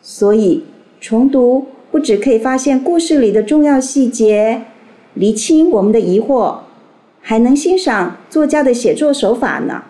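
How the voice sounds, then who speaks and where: A woman teacher gently explaining reading methods to young children. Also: on the high side, expressive, measured pace, rough recording.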